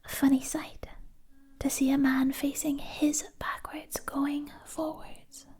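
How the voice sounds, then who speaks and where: A woman whispering a poetic ASMR monologue right in the listener's ear on a close binaural mic, in breathy, deliberate, lyrical phrases with long pauses. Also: high-pitched, little pitch movement, warm tone. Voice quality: breathy, mostly unvoiced whisper. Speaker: ASMR performer. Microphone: close binaural ASMR microphone.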